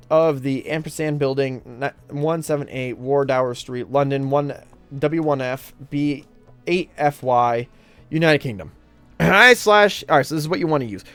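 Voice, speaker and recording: A man's voice: fairly high pitch, normal speed, a bit bright, clear, resonant tone, faint music behind. A man reading a long legal agreement aloud word for word, stumbling now and then and correcting himself. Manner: plain read-aloud with stumbles, self-corrections and apologies; reads out punctuation such as "open bracket" and "slash". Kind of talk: verbatim reading of a legal text.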